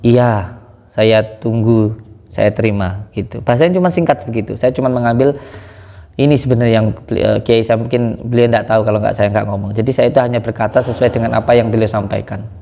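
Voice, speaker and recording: Guy telling a story to a kiai, gets loud and high when worked up, lots of hall reverb. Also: quick pace, creaky. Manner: animated storytelling, rising high when indignant. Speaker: guest speaking to a kiai. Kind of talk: casual spoken account.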